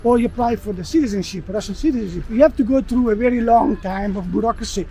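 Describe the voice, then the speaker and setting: An Italian-accented man, a non-native speaker of English, chats as an interview guest outdoors in a city park. He talks haltingly, stopping and restarting as he hunts for the right words. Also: high voice, mellow. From Italy. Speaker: guest, expat blogger. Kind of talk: casual interview while walking.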